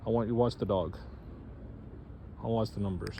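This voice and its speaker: Male dog trainer, mellow tone, relaxed chatty tutorial delivery with faint background hiss. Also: on the low side, normal speed, creaky. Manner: loose, chatty, addresses viewers as guys. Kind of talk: casual instructional demo.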